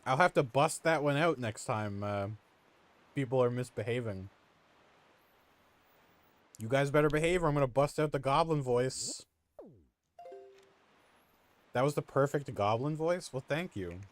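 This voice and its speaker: Male streamer, mid-pitched, casual and self-mocking, bantering with chat during live gameplay. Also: animated, a little slow, long pauses. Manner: joking, self-mocking, chatty. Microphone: home streaming mic.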